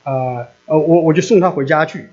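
A man's voice: a little high, moderate pace, a little mellow. A middle-aged man preaching a sermon, earnestly repeating his appeal to the listeners and then leading a prayer. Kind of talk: sermon with altar call and prayer. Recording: dull lo-fi recording.

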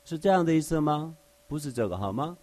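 A man's voice: on the high side, lively intonation, a little fast, a little mellow. A man teaching the Bible conversationally. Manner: asks rhetorical questions, checks in with the listeners often; explains verse by verse with everyday examples. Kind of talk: conversational Bible study sermon.

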